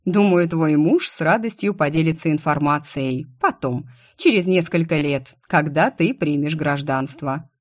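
A woman's voice: low voice, measured pace, hardly any pauses, no echo, clean studio sound. A woman voicing a playful, teasing male alien brother in a story. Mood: amused.

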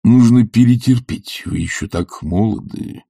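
A man's voice: lowish voice, a little slow, gravelly, dark tone, breathy edge, pitched above the performer's own voice, heavily acted. A man voicing a stern older professor who speaks firmly and curtly. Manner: firm, curt, mutters at times.

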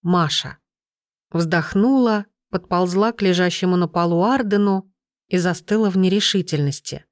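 A woman reading a first-person audiobook in a steady, measured storytelling voice. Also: lowish voice, dry recording, studio quality. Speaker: audiobook narrator.

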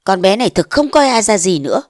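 A woman's voice: medium pitch, very animated, fast, a little mellow, no room sound, studio quality, lightly acted. A woman voicing a pompous, bullying old mandarin who scolds and blusters, in a storybook reading. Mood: blustering.

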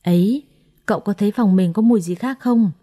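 A gentle young wife answers softly and shyly, voiced by a woman narrator. It sounds close to the narrator's own mellow voice. It is a storybook telling. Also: mid-range voice, brisk, dry recording, lightly acted. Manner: soft, shy.

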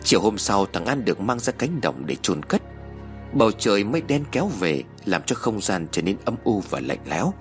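A low-voiced man tells a first-person horror story in a measured, somber way. His pitch moves in lively swings, and faint music plays underneath.

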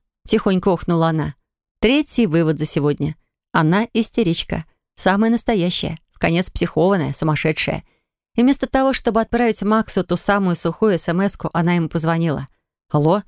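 Brief: female audiobook narrator, lowish voice, dry close studio sound, expressive. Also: brisk, no echo. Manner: expressive, intimate storytelling. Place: recording studio.

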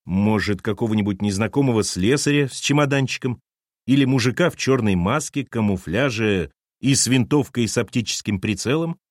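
A man voicing a cautious young man who asks careful, gentle questions in an audiobook. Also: brisk, no room sound, studio quality, close to an everyday voice. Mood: questioning. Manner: soft, careful, low murmur.

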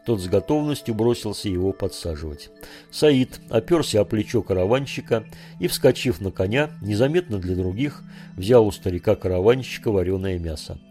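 Low mellow male audiobook narrator. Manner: measured storytelling.

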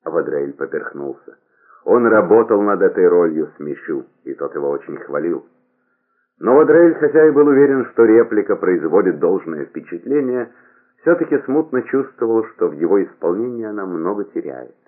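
A man reads a novel aloud in a very low, husky voice, with expressive, theatrical delivery and pitch that moves a lot. The recording is thin and phone-like. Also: normal speed. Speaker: audiobook narrator. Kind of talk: audiobook narration of a novel. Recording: narrow phone-like lo-fi audio.

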